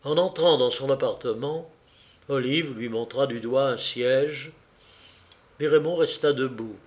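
A man narrating a classic novel in a measured, steady reading voice. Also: mid-range voice. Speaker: audiobook narrator.

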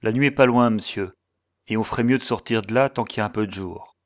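A man voicing a gruff old male whaler who speaks in rough, colloquial sailor's talk in an audiobook. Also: fairly low pitch, fast, lightly acted. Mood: defensive.

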